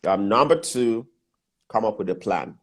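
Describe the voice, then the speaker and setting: A middle-aged Nigerian man with a Nigerian accent speaks as a guest mentor in a casual interview, talking through business steps and repeating key points with emphasis. His voice is on the low side, slightly rough, expressive and unhurried.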